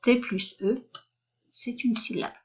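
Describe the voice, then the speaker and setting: A woman leads a slow, patient lesson, spelling out letters and sounding out each syllable. Her voice is a little husky and unhurried. The recording is dull and lo-fi. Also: on the high side, fairly even intonation. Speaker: French teacher.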